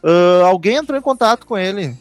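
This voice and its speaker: A man's voice: high voice, animated, fairly quick, dry recording, soft background music. A man, telling stories and joking in a casual group chat. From southern Brazil. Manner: joking, storytelling. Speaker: podcast participant.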